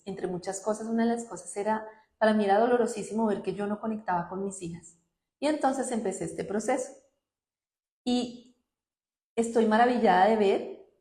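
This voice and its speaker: A middle-aged woman, speaking conversationally as a guest about calming the mind, lively and acting out quoted voices. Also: reverberant. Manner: animated, acts out quoted voices with high-pitched outbursts. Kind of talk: conversational talk.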